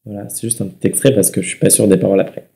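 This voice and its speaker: A young man with a slightly stuffy nose, hosting a live webcam chat from his living room and answering viewer comments in a soft, relaxed way. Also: lowish voice, very fast, vocal fry. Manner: soft-spoken and relaxed, sings between replies. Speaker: livestream host. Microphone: webcam mic.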